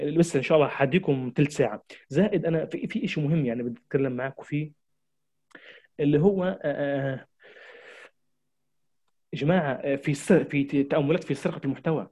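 A marketing trainer with a slightly high, darkish-toned voice lectures on marketing. He speaks straight to his audience, pressing them with urgent, repeated exhortations.

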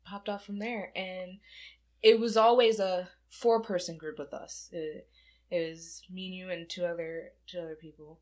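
A woman's voice: lowish voice, fairly even intonation, moderate pace. A woman in her twenties from Michigan, co-hosting a podcast in casual chat, talkative, laughing often and swearing freely. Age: 20s. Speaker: podcast co-host.

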